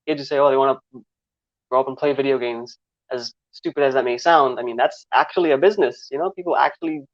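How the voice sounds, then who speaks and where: Answering casual interview questions, a twenties filmmaker guest from Trinidad rambles easily in a New York accent, with many fillers and restarts. He talks fast at medium pitch. There's no room sound, leaving the audio dry and slightly dull.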